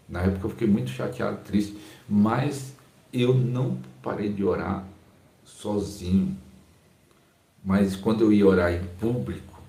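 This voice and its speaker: Male Brazilian pastor, deep, dark-toned, talks slowly and softly, phone mic with room echo. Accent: Brazilian Portuguese. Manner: slow, calm, deliberately soft-spoken. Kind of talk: informal teaching talk to a live audience. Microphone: phone's built-in mic.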